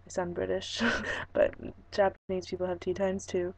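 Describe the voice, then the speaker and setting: A young woman records a casual, unscripted vlog. Her voice is giving out from a sore throat, hoarse and breathy with a creaky rasp. The tone is soft and mellow, and she talks in a relaxed, halting way. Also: on the low side. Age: young adult. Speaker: vlogger. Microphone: webcam microphone.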